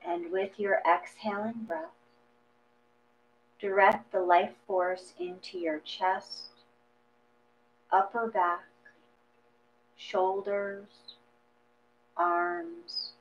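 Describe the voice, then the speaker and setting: A woman reads a guided meditation from a script, speaking slowly in a mid-range, expressive voice. Her manner is gentle and measured, with long pauses between phrases. The audio is dull and lo-fi, with a mains hum underneath.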